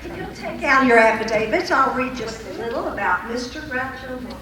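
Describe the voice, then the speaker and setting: A woman's voice: high-pitched, animated, a little fast. A woman hosting an amateur game show parody as a prize announcer, presenting contestants and prizes to an audience. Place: large echoey room with audience. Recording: echoey room, distant mic, faint crowd.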